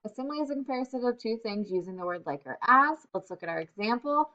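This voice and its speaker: A woman teacher giving a recorded lesson to young children, upbeat, slowing down to stress example phrases. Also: a little high, lively intonation, sharp tone. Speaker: elementary school teacher. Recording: slightly dull computer-mic sound.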